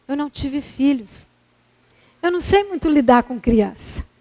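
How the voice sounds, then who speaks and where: A woman's voice: high-pitched, animated, measured pace, a little mellow. A woman voicing a moved businessman. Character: moved middle-aged male industrialist.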